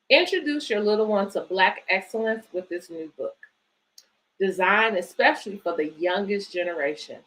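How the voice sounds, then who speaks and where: Reading picture books aloud to families, this woman offers warm encouragement between stories in a mid-range, somewhat bright voice. The recording is rough. She runs a bedtime story series for children and directs a book organisation.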